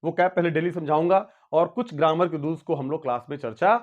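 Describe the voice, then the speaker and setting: A man's voice: a little high, fast, narrow, tinny audio. A man teaching an English grammar lesson to students, explaining each point several times and calling them children.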